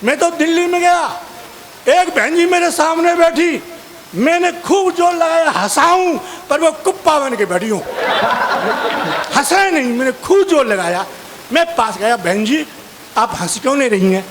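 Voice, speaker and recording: A man's voice: very high-pitched, lively intonation, unhurried, a bit bright, slight background noise. A man performing as a comic poet on stage, mixing sung verse with teasing chat to the audience. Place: outdoor poetry gathering stage.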